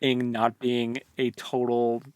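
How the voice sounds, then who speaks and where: A man's mid-range voice, slow and completely flat, with a darkish yet clean tone in a dry recording. He's a book podcast co-host casually recapping and reviewing a fantasy novel in a jokey, slangy, colloquial way.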